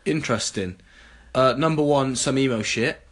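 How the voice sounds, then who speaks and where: A man's voice: mid-range voice, normal speed, a bit bright. A man, co-hosting a casual podcast chat, rambling and laughing often as he reads out listener emails. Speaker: podcast co-host.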